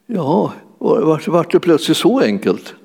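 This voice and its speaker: A man's voice: fairly high pitch, big pitch swings, vocal fry, a little mellow, slightly rough. A man preaching a sermon in a church hall, in a conversational way that keeps searching for words with many fillers. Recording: long hall reverb.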